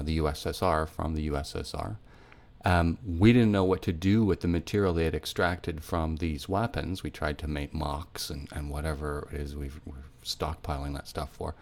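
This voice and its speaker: A man's voice: very deep voice, normal speed. A man hosting a podcast interview, asking questions in a casual, conversational way. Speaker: podcast host.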